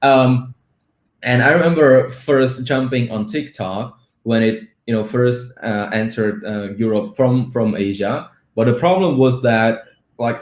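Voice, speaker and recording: A man from the Czech Republic, a guest in an interview, talking in a relaxed, rambling way and often checking in with "right?". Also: medium pitch. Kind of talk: casual interview talk. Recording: roomy echo.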